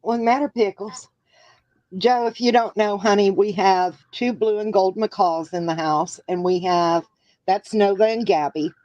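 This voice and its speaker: Slow-talking homey woman hosting a live chat. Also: medium pitch, a little mellow, dry recording, muffled recording. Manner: chatty, drawn-out, homey. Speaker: livestream host.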